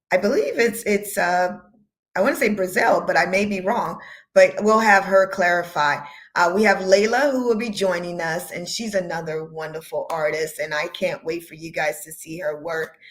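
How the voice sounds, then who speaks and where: A woman's voice: on the low side, fairly bright tone. Hesitant woman hosting an online event. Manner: hesitant, many fillers. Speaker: event host. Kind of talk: live-stream hosting.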